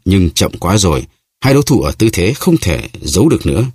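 Male audiobook narrator, steady storytelling; very low, husky voice, dry close recording. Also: brisk, dry recording. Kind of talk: scripted narration.

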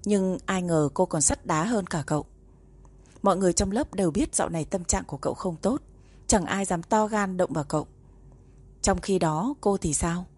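A woman narrating a romance novel in a calm, even storytelling voice. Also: fairly low pitch, moderate pace, slightly rough. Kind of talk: audiobook narration.

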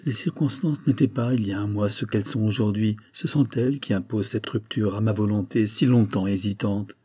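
A man's voice: lowish voice, a little fast, dark tone, slightly rough, dry recording. A man voicing a guilt-torn married woman pleading with her young lover, in an impassioned, tremulous way. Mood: anguished pleading.

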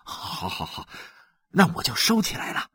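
A man's voice: mid-range voice, sing-song, measured pace, pushed and bright, husky, no echo, clean studio sound, exaggerated voice. A man doing a humble, chuckling working man. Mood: eager.

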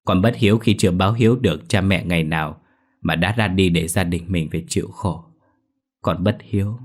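With a low-sitting voice and a fairly quick delivery, a man voices a drowned young man's ghost speaking through a medium in a ghost story. The mood is sorrowful, and he sounds tearful and pleading.

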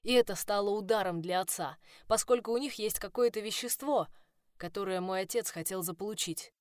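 A woman's voice: medium pitch, a little fast, dry recording, clean studio sound, natural voice. A woman voicing a desperate young man in love, pleading, in a first-person audiobook.

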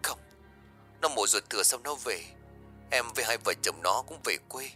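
A man voicing a grieving middle-aged woman, speaking soft and choked with tears. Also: medium pitch, animated, brisk, soft background music, voice pushed up. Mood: grief-stricken.

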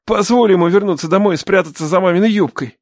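A man's voice: high voice, fast, dry recording, studio quality, voice pushed up. A man doing a panicky, stammering captive begging for mercy. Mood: desperate bargaining. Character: frightened middle-aged male captive begging.

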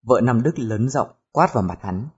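A man narrating an audiobook in a steady storytelling voice. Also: mid-range voice, moderate pace, husky. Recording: dull lo-fi recording with music.

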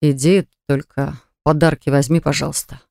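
A man's voice: fairly high pitch, flat delivery, normal speed, gravelly, a little mellow, no room sound, clean studio sound. A man voicing a jealous young ex-fiancé who pleads earnestly to win her back, in an audiobook. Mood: insistent. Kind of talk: audiobook dialogue reading.

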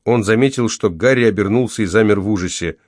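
Male narrator, low voice, measured audiobook reading, dry close sound. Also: no room sound. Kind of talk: scripted narration.

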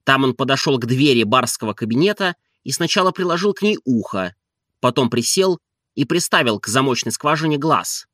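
A man reading a novel as an expressive audiobook narrator. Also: mid-range voice, a little fast, no echo, clean studio sound. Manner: expressive storytelling.

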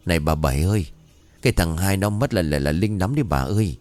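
Vai bà lão trong làng hay buôn chuyện, nói thì thầm ngập ngừng do một người đàn ông đọc. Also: male voice, deep voice, lively intonation, fast talker, no room sound. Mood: gossiping. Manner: hushed, gossipy, hesitant. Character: gossiping older village woman.

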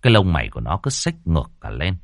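Husky male ghost-story narrator. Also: low-pitched, huge pitch swings, quick pace, dry recording, clean studio sound. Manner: dramatic, swooping delivery.

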